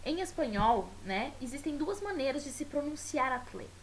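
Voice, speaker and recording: Brazilian woman teacher, high-ish voice, patient explainer who draws out example words; slight tape hiss. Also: big pitch swings, rough recording. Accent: Brazilian Portuguese. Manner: explanatory, repeats words slowly and stretches them for pronunciation; checks in often with tag questions. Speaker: Spanish teacher. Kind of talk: recorded school video lesson.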